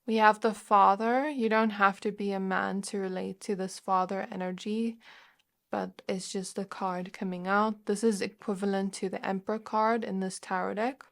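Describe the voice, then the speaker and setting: A woman giving a pick-a-card tarot reading as a channel host, talking to the viewer in a gentle, reassuring way and often pausing to search for words. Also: mid-range voice, level tone, creaky. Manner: musing, searching for words with frequent fillers. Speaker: tarot reader.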